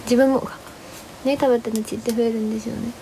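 A woman's voice: a little high, level tone, fast talker, background noise. A young woman chatting casually on a livestream. She rambles about her day and greets viewers one by one. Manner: rambling, chatty, greets viewers, refers to herself in third person. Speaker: livestream host.

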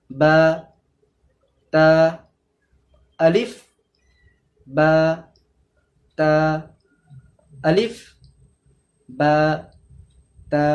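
A man teaching Quran letter pronunciation, patiently repeating each sound and asking learners if they understand. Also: on the high side. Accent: Bengali. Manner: patient, repeats sounds many times for students; addresses learners directly, asks check questions. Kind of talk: step-by-step pronunciation lesson.

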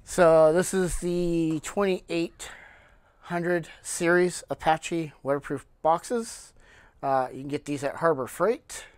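A man who hosts his own channel casually shows off his gear cases while speaking off camera in an indoor room with a cloth backdrop. He uses lots of filler words and clears his throat often. His voice is slightly high and slow, with no echo.

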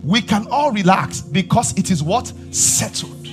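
A man preaching a sermon on a church stage, asking the crowd questions and rising to shouts as he moves about. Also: high-pitched, expressive, a little slow, music in the background. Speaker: pastor. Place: large church stage with audience.

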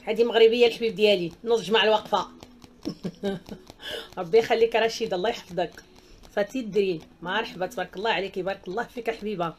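A woman's voice: mid-range voice, fast, slight background noise. A woman with a Moroccan accent hosting a live stream, reading viewer comments and speaking out in an emphatic, outspoken way. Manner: outspoken and emphatic, with repeated exclamations.

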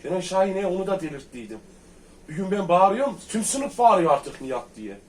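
His voice is high, sing-song, and a little mellow, moving at a fairly quick clip. The comedian reminisces with friends about rowdy childhood school episodes, laughing frequently and reenacting the old exchanges as a boisterous storyteller. A distant mic picks up faint background noise.

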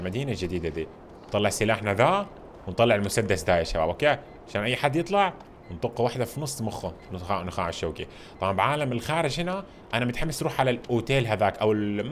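A man giving casual, excitable commentary while playing a video game, talking to his viewers all the time. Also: medium pitch, slight background noise. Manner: excitable, chatty, addresses viewers constantly.

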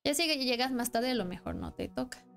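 A woman's voice: fairly high pitch, wildly swooping pitch, a little fast, gravelly. A young woman with a Mexican accent, chatting casually and rambling while streaming a game. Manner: chatty, rambling, laughs often. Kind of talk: casual live-stream chat. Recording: faint music behind.

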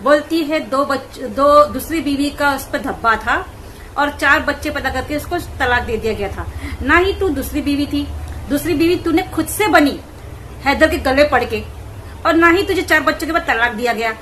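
A woman vlogger giving mocking, scolding commentary on clips in rapid rants. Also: high voice, animated, fairly bright tone, slight background noise, rough recording.

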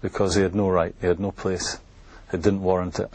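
A man's voice: sits low, flat delivery, fairly quick, darkish tone, husky, poor audio. An older man, a former football manager, recalling events in an interview, firm and emphatic. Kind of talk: interview recollection.

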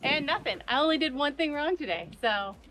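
Woman vlogger, thirties, slightly high voice, self-deprecating chat, arm's-length camera outdoors, music under it. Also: animated, fairly quick, rough recording. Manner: chatty, self-mocking, laughs often. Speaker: travel vlogger. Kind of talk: casual vlog chat. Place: outdoors on a sunny island street and dock. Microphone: handheld camera at arm's length. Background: background music.

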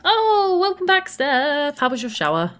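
A woman's voice: high-pitched, wildly swooping pitch, measured pace, fairly bright tone, faint music behind. A woman streaming a life-simulation game, chatting casually and gushing thanks to her viewers. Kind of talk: casual gameplay live stream chat.

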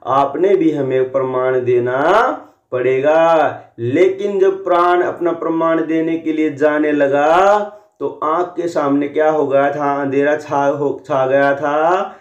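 Guy teacher talking kids through answers real slow, repeats stuff, echoey muffled recording. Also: a little high, darkish tone. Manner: slow, repetitive, dictating answers to children. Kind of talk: school lesson explanation. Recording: roomy, dull lo-fi recording.

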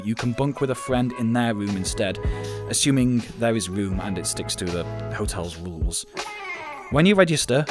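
A man narrating a scripted guide in an instructive way, stressing his key points. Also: medium pitch. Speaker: channel host giving advice.

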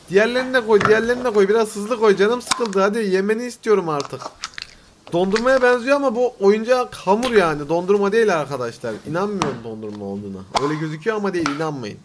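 A man's voice: high-pitched, noisy background. A young man casually commenting on videos he is watching, teasing and mocking what he sees. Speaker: reaction video host.

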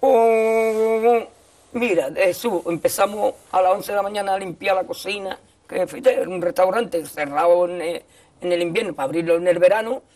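A man's voice: sits high, normal speed, a little mellow. A middle-aged man telling an anecdote as a guest on a TV talk show, acting out the dialogue he quotes. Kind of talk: anecdote told in a TV interview. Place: TV studio set with a desk. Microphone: desk microphone.

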